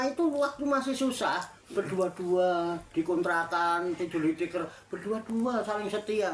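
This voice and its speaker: A man's voice: sits high, echoey room, a little hiss or hum. Teasing Javanese-accented male cleric. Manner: teasing, animated, repeats phrases for effect. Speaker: Islamic cleric leading a discussion. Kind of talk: humorous religious discussion.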